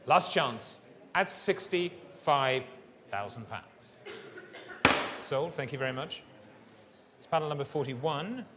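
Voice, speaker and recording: A man's voice: fairly high pitch, lively intonation, slow pace, pauses often, crowd noise. A man working as a fine art auctioneer, calling and repeating bids in polished, courteous patter in a large saleroom. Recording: long reverberant hall sound.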